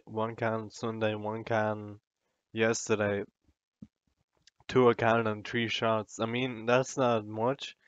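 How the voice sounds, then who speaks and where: A man's voice: lowish voice, no echo, dull audio. A drunk man in a casual, sweary, meandering and self-deprecating ramble to the camera, as a vlogger does.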